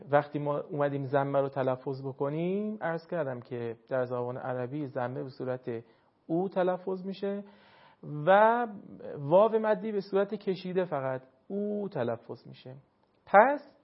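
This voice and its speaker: A man with a fairly high voice gives a Quran reading lesson, explaining each step in a measured, deliberate way. He slows down and draws out key words when he stresses a point. The recording sounds muffled and low-fidelity. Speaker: Quran recitation teacher.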